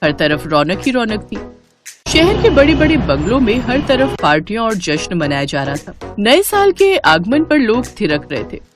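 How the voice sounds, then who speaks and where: A woman narrating a cartoon story in a scripted, dramatic way. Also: medium pitch. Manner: expressive, dramatic.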